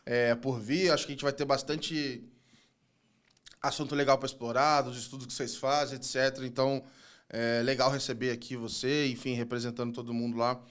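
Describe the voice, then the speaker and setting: A man hosting a podcast interview, relaxed and slangy, often calling his guest "cara". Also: mid-range voice, a little fast. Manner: laid-back, slangy, says "cara" often. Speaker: podcast host. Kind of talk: casual interview chat.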